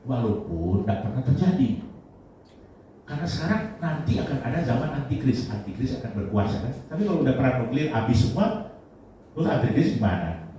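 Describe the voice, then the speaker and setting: Pastor, male, animated sermon delivery, boomy church echo, mic set back. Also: brisk. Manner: animated preaching, swings between loud emphatic and low asides. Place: church hall. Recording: echoey church hall, mic at a distance, light noise.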